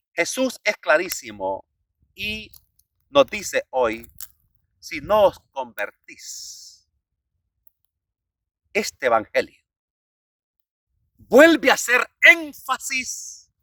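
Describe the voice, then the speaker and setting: A male priest preaches with a slow, deliberate delivery and a lively voice that climbs and drops. His tone is bright and clear. The recording is dry and picks him up from a little away from the mic. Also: no room sound, distant mic. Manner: slow, emphatic preaching with wide swings in pitch and loudness. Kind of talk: sermon.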